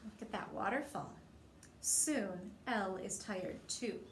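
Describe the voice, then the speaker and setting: Here a storyteller with a medium-pitched voice takes her time over a picture book for small children. Expressive throughout, she performs the characters' lines and quizzes her listeners. There's a roomy echo and a faint hum of background noise.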